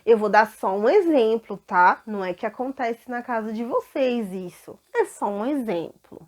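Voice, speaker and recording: A woman's voice: a little high, moderate pace. A woman with a Brazilian Portuguese accent, telling a Bible story to children and asking them questions. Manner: animated, asks children questions.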